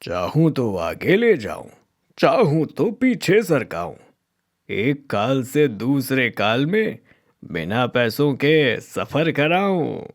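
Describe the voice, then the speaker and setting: A man voicing a wise, kindly old magic tree in a cartoon, speaking in a slow, chanting sing-song. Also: mid-range voice, sing-song. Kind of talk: cartoon voice acting.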